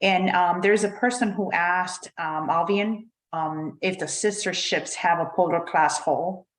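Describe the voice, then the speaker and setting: A woman's voice: on the low side, measured pace. A woman giving an informal sales presentation and answering questions as a company representative. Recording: echoey, roomy sound.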